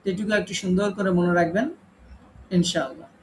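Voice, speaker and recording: A man's voice: high-pitched, brisk, slight background noise, rough recording. A man teaching an online Quran recitation class, patiently repeating each rule so it sticks. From Bangladesh. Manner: patient, repeats key rules.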